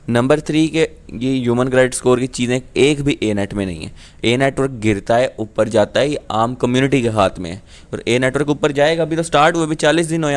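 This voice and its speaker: A man's voice: medium pitch, clear, resonant tone. A man, talking casually to viewers through a screen-share explainer and often checking in with "thik hai". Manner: casual, explanatory, repeats "ठीक है". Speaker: crypto YouTuber.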